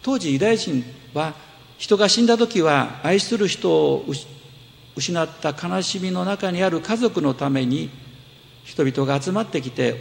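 Pastor with a gravelly voice in a hall. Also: male voice, a little high. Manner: gentle explaining, with fillers and self-corrections. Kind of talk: sermon.

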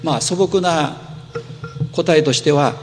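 A man preaching a sermon as pastor, explaining earnestly and gently with rising emphasis, in a church sanctuary. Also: fairly high pitch, takes it slowly. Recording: long hall reverb.

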